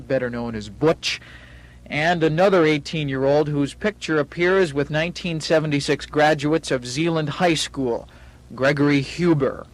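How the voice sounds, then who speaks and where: A male reporter's voice played from an old newsreel, pitched a little high. He speaks in a formal, measured broadcast manner. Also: poor audio. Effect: old newsreel audio. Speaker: TV news reporter.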